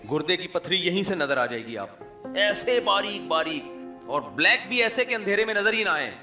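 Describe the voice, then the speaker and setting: A middle-aged Islamic scholar with a high, sing-song voice delivers a humorous sermon to a live audience, full of chatty storytelling and asides. It was recorded in an echoey hall with faint music.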